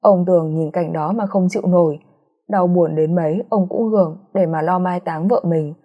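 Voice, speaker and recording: A woman reading a romance story aloud in calm, steady audiobook narration. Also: lowish voice, normal speed, muffled recording.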